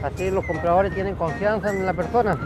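Middle-aged man, Chilean accent, island fisherman, short modest answers, fairly high voice, music underneath. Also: steady tone, fairly quick. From Chiloé island, Chile. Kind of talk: casual interview answers. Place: small fishing boat at sea, outdoors.

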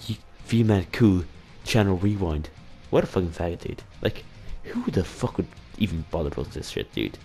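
A low-voiced man rambles through a casual year-in-review vlog as its host. He swears freely, keeps mocking himself, and tacks "dude" onto almost every line. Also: lively intonation, normal speed, vocal fry, hardly any pauses, warm tone, soft background music. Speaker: channel host.

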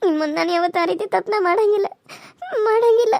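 A woman's voice: extremely high pitch, steady tone, a little fast, no room sound. A woman with a North Karnataka accent voicing Raji, a remorseful young village wife in a cartoon serial, in a pleading, tearful way of talking. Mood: hurt.

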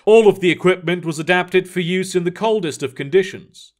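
A man narrating a science-fiction story in a steady, expressive reading. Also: high voice, brisk.

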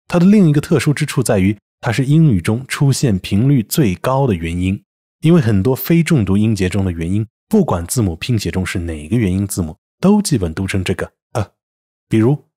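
Husky, lively male pronunciation teacher. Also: on the low side. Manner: explanatory, with spoken word examples. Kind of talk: scripted lesson narration.

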